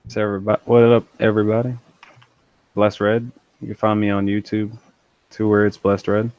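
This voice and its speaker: A young man with a low voice joins a gaming podcast as a guest, talking in a relaxed and casual way. His voice sounds close and dry, with no room around it. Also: moderate pace, clear, resonant tone, no room sound, dull audio.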